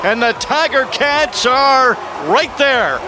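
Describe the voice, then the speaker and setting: A man doing live football radio play-by-play, making an excited touchdown call with his voice rising to a shout. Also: very high-pitched, slow, crowd noise. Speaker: play-by-play announcer. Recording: noisy live stadium broadcast.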